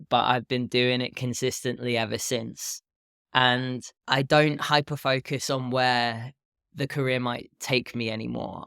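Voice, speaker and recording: Male podcast host, thirties. Low, unhurried morning voice, clean and smooth, dry close sound, candid casual talk. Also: a bit bright, no room sound. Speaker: podcast host and health and fitness coach.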